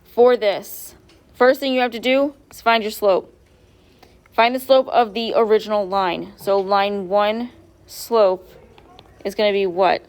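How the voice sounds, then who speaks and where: A woman's voice: medium pitch, steady tone, unhurried. Patient woman teaching a math class. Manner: patient, step-by-step, quizzes students. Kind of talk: classroom quiz review. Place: classroom with students.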